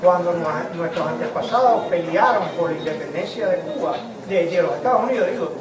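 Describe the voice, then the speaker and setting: A man's voice: sits high, lively intonation, a little fast, background noise. A man in the audience speaking in a hesitant way, often repeating words. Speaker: audience member. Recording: echoey hall from far off, audible crowd.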